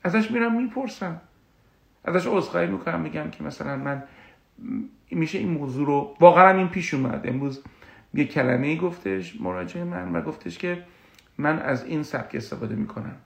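A man working as a coach gives an explanatory talk on confidence, animated and full of personal examples. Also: a little high, creaky. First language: Persian. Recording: echoey room.

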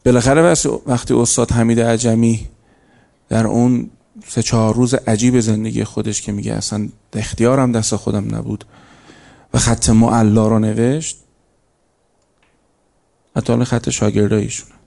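Gravelly, mellow-voiced male lecturer. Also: mid-range voice, little pitch movement, pauses often. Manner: conversational, storytelling, rises into emphatic bursts. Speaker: lecturer on religious ethics. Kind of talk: religious lecture to a live audience. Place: lecture hall.

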